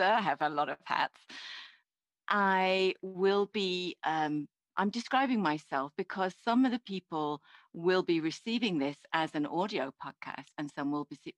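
A woman in her fifties working as a live interpreter. She speaks a deaf host's signed words aloud in the first person in a measured, steady way, with small restarts. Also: sits low, no room sound. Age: 50s. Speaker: sign language interpreter voicing the host. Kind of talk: live spoken interpretation of an introduction. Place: home, seated before a plain screen.

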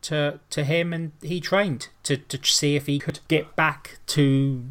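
A man's voice: on the high side, fairly even intonation, slow, fairly bright tone. A man hosting a podcast, talking casually as he reviews and recaps. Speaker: podcast host.

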